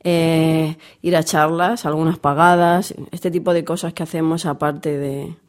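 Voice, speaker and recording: Hoarse woman with a cold. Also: sits low, level tone, a little slow. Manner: candid, chatty, self-deprecating. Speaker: comics author and editor. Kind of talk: casual interview.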